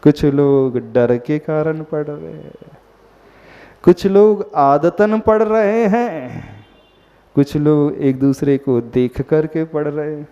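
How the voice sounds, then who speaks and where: Slow and warm, with a clean, rather high voice, a Jain monk gives a sermon to an assembled audience. He often asks his listeners questions and mixes English into his words. The sound is dull and lo-fi, echoing with long hall reverb.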